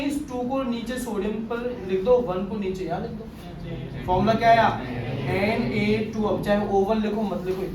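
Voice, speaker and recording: A male chemistry teacher giving a classroom lecture, often quizzing his class with questions. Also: high voice. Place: classroom with students. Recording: echoey room, far from mic, class murmur.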